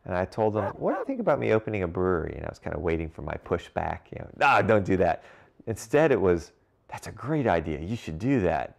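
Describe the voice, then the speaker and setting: Speaking fast with vocal fry, this middle-aged man has a low voice marked by big pitch swings. As a brewery founder being interviewed, he grew up in Cincinnati and Brussels and shares his story in a relaxed way, with fillers, restarts, and light laughter now and then.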